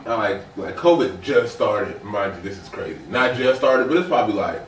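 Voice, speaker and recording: A man's voice: on the low side, lively intonation, brisk, recorded from a distance. A young man in his twenties, co-hosting a podcast, telling long slangy stories in casual chat. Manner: rambling storyteller, slangy, acts out quotes. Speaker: podcast co-host. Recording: roomy sound, off-mic, faint noise.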